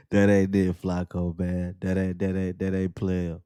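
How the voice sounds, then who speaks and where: A man's voice: low-pitched, dark tone, smooth, no echo. A man hosting a commentary show, talking in a laid-back, rambling way and laughing at what he plays. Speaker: commentary host. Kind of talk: casual reaction commentary.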